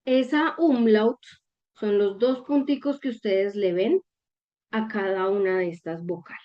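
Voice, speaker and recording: A woman's voice: medium pitch, a little slow, dull audio. A woman teaching German pronunciation in a patient explanatory lesson who keeps checking in with her viewers through short questions. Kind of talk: slow explanatory language lesson.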